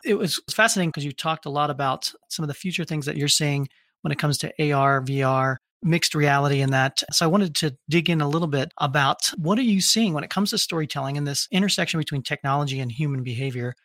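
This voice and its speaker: A man hosting a podcast, presenting and asking interview questions in a clear presenter's delivery. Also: a little high, fast, a bit bright, no echo, studio quality. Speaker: podcast host.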